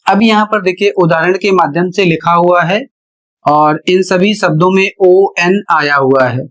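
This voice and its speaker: A man teaching a spelling and pronunciation lesson, spelling words out letter by letter in a slow, deliberate way. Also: sits high, fairly bright tone. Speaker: English teacher.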